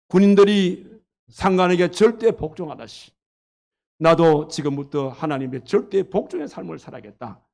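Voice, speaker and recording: A middle-aged male pastor preaching a sermon, telling a story dramatically and acting out the dialogue with sudden loud outbursts. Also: on the high side, gravelly.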